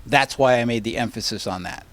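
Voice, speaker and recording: A man's voice: medium pitch, a little fast, fairly bright tone. A man in the role of an energy consultant, explaining to a school board in a conversational way, working through examples and often checking in with "okay?". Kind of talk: explaining at a public board meeting. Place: school board meeting room.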